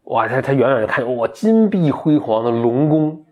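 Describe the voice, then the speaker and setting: A man's voice: medium pitch, animated, moderate pace, phone-quality sound. A man casually retelling a folk tale to a friend, lightly voicing the characters and laughing along. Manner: chatty, voices the characters lightly, laughs at the story. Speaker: storyteller.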